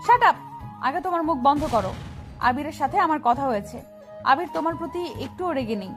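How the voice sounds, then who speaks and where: A woman voicing a stern, teasing young policewoman in an audio story, scolding with quick, sharp retorts. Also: high-pitched, lively intonation. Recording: music bed under voice.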